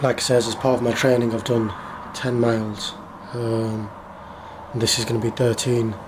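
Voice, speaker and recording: A British man giving a casual, matter-of-fact vlog update in a low-key way. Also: little pitch movement, moderate pace, background noise. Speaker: vlogger. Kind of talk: casual vlog talk to camera.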